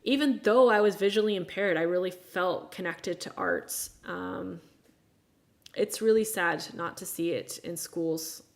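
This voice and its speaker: A woman's voice: fairly low pitch, unhurried, gravelly. Frank American woman in her thirties. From United States. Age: 30s. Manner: frank, exasperated, sarcastic asides. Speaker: livestream host. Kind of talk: casual live chat.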